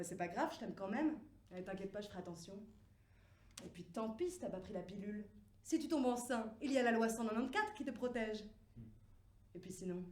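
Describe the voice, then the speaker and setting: A young woman acting a man who sweet-talks his lover, slow and theatrical, on a stage. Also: a little high, darkish tone, roomy sound. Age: young adult. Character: man sweet-talking his lover, later giving birth.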